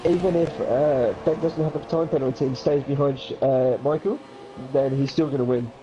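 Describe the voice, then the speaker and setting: Excitable man calling a sim race. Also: mid-range voice, moderate pace. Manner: excitable, voice jumps up at incidents. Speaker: sim racing commentator. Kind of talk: live race commentary. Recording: dull lo-fi sound with game noise behind. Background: racing game engine noise.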